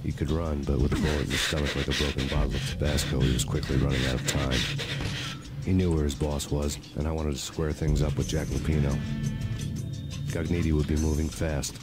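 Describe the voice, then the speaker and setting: An actor voicing a weary hardboiled detective in noir voice-over, deadpan and gravelly. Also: male voice, very deep voice, fairly quick. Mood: brooding. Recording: game audio with loud music.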